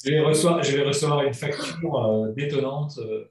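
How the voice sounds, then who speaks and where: A man hosts a casual live panel discussion. His middle-pitched voice comes through with a roomy echo, sitting some way from the mic. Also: normal speed, a little mellow, distant mic, slight background noise. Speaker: host of a wine talk show.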